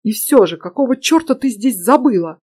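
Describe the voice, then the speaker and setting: Brief: ironic young guy student, read by a woman, mellow dry tone. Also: fairly high pitch, expressive, normal speed, slightly rough, no room sound. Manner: ironic, indignant. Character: sarcastic young male student, first-person hero.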